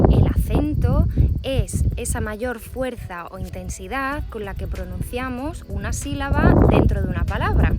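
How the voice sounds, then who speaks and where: A young woman teaching an online language lesson, stressing syllables clearly and emphatically. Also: mid-range voice. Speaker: Spanish teacher. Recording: loud background music.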